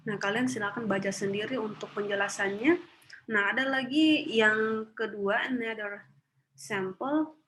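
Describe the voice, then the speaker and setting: A woman's voice: mid-range voice, a little slow, long pauses, a bit bright, slight background noise, rough recording. A woman from Indonesia giving a recorded online lecture to her students, talking casually with fillers and dropping in English terms.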